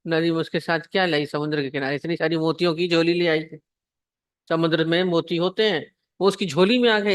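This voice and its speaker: A woman's voice: fairly low pitch, no echo, clean studio sound. A woman spiritual teacher giving a sermon on scripture, telling parables and asking her listeners questions. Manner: storytelling, asks the listeners questions.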